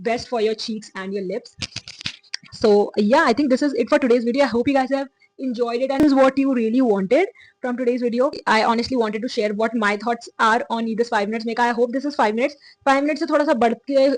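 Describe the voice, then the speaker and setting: A woman's voice: fairly high pitch, poor audio. A young woman with an Indian accent chatting through a makeup tutorial, switching freely between Hindi and English. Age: young adult. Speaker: makeup vlogger.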